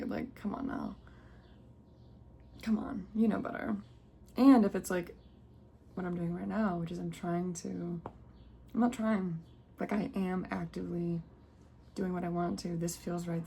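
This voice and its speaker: A woman's voice: lowish voice, fairly even intonation, moderate pace, gravelly, pauses often, warm tone, slight background noise. A woman giving a casual spiritual card reading, rambling and breaking off mid-sentence, often laughing to herself. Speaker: tarot reader.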